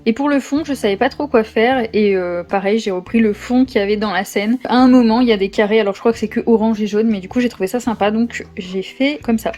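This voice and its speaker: A woman chatting casually as she shows her finished coloring pages, with lots of filler pauses. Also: on the high side, a little mellow, faint music behind. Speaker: coloring channel host. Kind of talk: casual show-and-tell narration.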